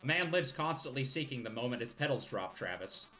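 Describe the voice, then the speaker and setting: A man's voice: medium pitch, expressive, a little fast, pushed and bright. A man putting on a solemn old man's voice. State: scratchy throat.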